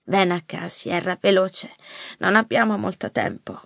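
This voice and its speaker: A frail old grandfather pleads in slow, halting bursts, as a woman narrator puts him on. His voice is gravelly and breathy, pitched rather high for an old man, and recorded dry and close for an audiobook. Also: steady tone, a bit bright, dry recording. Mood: urgent pleading. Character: frail old grandfather after a stroke, urgent. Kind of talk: audiobook character voice. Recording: dry close studio mic.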